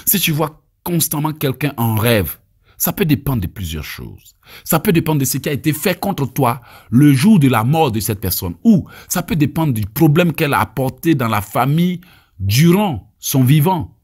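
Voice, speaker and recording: A man in his thirties from Côte d'Ivoire, whose first language is Abé, teaches on deliverance prayer with an Ivorian French accent. His voice is a little high, sing-song, darkish and breathy, at a moderate pace, and he preaches emphatically with frequent stammered restarts, filmed outdoors on an arm's-length phone.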